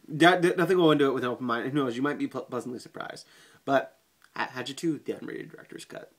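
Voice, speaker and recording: A man's voice: mid-range voice, fast talker, a bit bright. A man giving a casual video movie review, rambling with frequent swearing, fillers and restarts.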